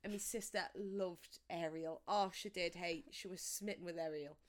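A woman's voice: fairly low pitch, steady tone, moderate pace. A young woman, casually telling childhood stories and often laughing mid-sentence. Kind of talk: casual chat.

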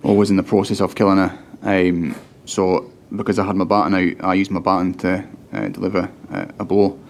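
A man's voice: low-pitched, level tone, brisk, vocal fry, a little hiss or hum. A man giving formal inquiry testimony as a police officer, hesitant, with many ums and restarts.

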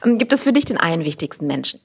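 Woman, podcast host, breathy voice, friendly, laughs often, art gallery setting. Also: on the low side, big pitch swings, racing. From Düsseldorf. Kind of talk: interview podcast.

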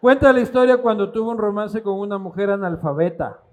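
A man's voice: high-pitched, a little fast. A man, hosting a talk show with teasing, irreverent, profane chat. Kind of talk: casual comedic chat.

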